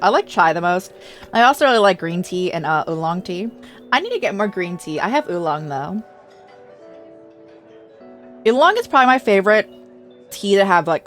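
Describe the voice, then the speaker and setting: A woman streaming a game, chatting casually and reacting loudly with frequent laughs, her voice slightly hoarse. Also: medium pitch. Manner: animated, reactive, laughs often. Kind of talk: casual live-stream commentary. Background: faint game music.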